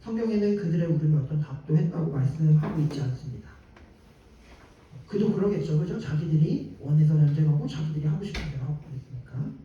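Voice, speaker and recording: Male pastor, sermon, high pitch, conversational, asks the congregation questions, distant mic, echoey hall, dull lo-fi sound. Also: lively intonation, fast talker, warm tone, slight background noise. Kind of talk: sermon to a young adults' group.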